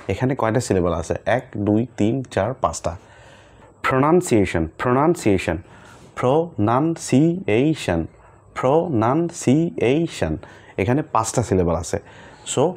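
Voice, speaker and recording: A man teaching an English pronunciation lesson, stretching out words slowly as he demonstrates them. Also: fairly low pitch, a little mellow. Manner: slow, drawn-out word demonstrations.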